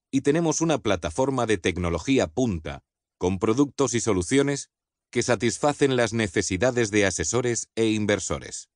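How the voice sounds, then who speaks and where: Low, dry-voiced male audiobook narrator. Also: no room sound. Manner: measured, even reading with clear phrasing. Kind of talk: scripted narration of a book foreword.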